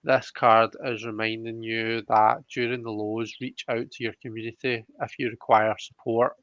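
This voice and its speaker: A man hosts a live tarot reading, chatting casually and reading viewer comments aloud over a slightly muffled online call. His mid-range voice is flat at a normal speed, with no room sound.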